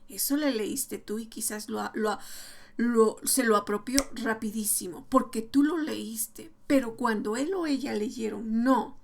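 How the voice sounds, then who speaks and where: A woman explaining to parents how to read with young children, patient and step by step, slowing down to sound out words. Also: fairly high pitch, creaky. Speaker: early literacy educator.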